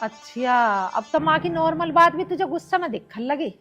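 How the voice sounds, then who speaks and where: A sharp-tongued village mother-in-law, bossy and nagging, played by an actress. Her voice sits very high and bright. Soft music runs underneath. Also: expressive, normal speed. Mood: scolding. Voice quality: scolding, nagging rural speech. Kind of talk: rural comedy drama acting.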